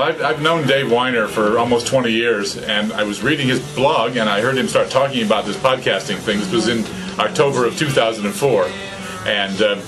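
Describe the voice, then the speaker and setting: A podcaster in his fifties, mid-range in voice, holds a casual interview chat with a guest inside a small office with computers. The recording is low quality despite a studio condenser mic on a stand in front, and he comes across animated, gesturing a lot and getting excited.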